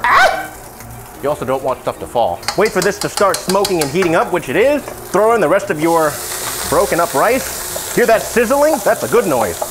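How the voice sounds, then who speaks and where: High-pitched drunk man rambling through a cooking tutorial. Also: big pitch swings, fairly quick. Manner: rambling, joking asides, self-deprecating. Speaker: cooking video host. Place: home kitchen while cooking. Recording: sizzling pan and kitchen noise.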